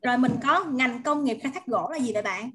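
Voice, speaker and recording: High-voiced woman teacher with a Vietnamese accent. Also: expressive, a bit bright. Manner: prompting students, repeating words slowly. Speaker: English teacher. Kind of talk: online vocabulary drill.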